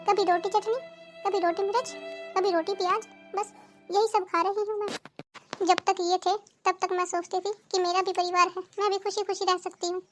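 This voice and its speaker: A woman voicing a self-pitying old widowed mother-in-law in a cartoon, complaining and lamenting. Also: very high-pitched. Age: older. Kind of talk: cartoon voice acting.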